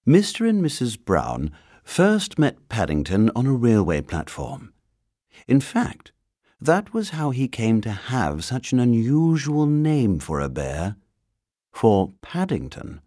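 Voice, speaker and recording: A man reading a children's storybook aloud in an expressive storytelling manner. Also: medium pitch, slow, no echo, clean studio sound. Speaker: narrator.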